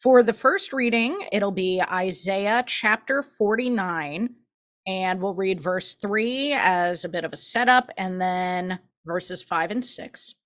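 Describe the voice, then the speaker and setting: A woman's voice: medium pitch, slow pace. A woman co-hosting in a casual, conversational style and announcing scripture readings. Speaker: co-host.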